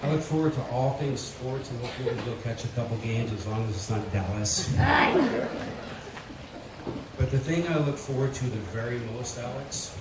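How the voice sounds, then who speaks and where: Middle-aged dad telling jokey stories in a wedding toast, boomy hall, mic kinda far off, lots of noise. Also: male voice, normal speed. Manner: folksy, joking storyteller. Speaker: father of the bride giving a toast. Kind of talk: wedding speech with storytelling. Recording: echoey hall, distant mic, loud noise.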